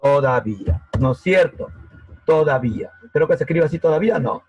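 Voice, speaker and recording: A man's voice: a little high, lively intonation, normal speed, husky, no echo, highs cut off, faint music behind. A man teaching a grammar lesson over a video call, patient and often checking that students follow. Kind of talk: online grammar class. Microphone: laptop mic on a video call.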